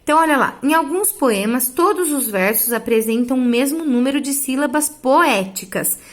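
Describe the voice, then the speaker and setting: A woman's voice: high voice, expressive, moderate pace. A woman teacher explains a lesson step by step, often checking in with her students. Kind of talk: online class lesson.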